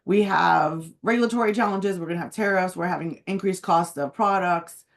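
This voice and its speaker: A woman real estate agent with a hoarse, phlegmy voice, chatting casually about the housing market. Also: lowish voice, fairly quick. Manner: chatty, uses many fillers. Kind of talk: casual market update chat. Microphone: video call.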